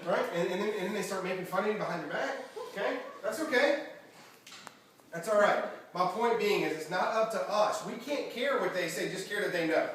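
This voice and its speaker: Man with a high voice, energetic seminar trainer, quizzes listeners, very echoey room, far from the camera. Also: a little fast. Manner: energetic, quizzes the audience with questions. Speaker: network marketing trainer. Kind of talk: motivational seminar talk. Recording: echoey room from far off, faint background noise.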